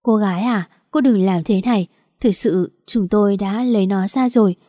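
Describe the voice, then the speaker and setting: Woman doing calm old doctor, measured, warm dry read. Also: medium pitch, no room sound, close to an everyday voice.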